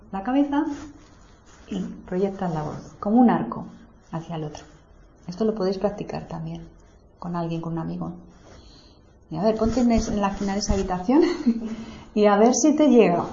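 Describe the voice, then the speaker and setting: A woman guides a small circle of students, calm and explanatory. Her voice is mellow and dark. The recording is roomy and a little dull, with faint hiss behind. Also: on the low side. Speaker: meditation teacher. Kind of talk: teaching a small group. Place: room with people seated in a small circle.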